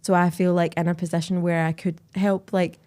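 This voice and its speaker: A young adult woman from Scotland hosts a podcast, chatting candidly and casually with lots of "like" fillers. Her voice is lowish, a little mellow and level, and slightly fast.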